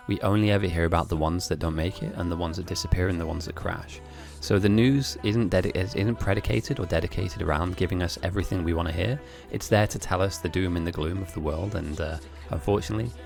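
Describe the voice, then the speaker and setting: Streaming a game, this chatty man with an English accent, raised in Germany and Italy speaking German and Italian, reads viewer messages and laughs often. His low voice has a creaky, gravelly edge, and he talks fast with hardly any pauses. Soft music plays faintly underneath.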